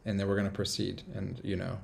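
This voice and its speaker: A man's voice: low voice, level tone, fast, gravelly, a little mellow, slight background noise. A man from the United States hosting a casual live stream from a small apartment, rambling upbeat and reading viewer comments aloud.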